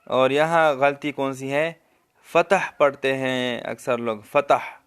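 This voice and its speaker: A man with a Pakistani Urdu accent teaching tajweed, explaining the rules and then reciting the verses slowly in a raised, melodic voice, often checking whether the listener understood. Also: medium pitch, fairly bright tone, smooth. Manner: asks the listener if they understood. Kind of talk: tajweed lesson with slow demonstration recitation.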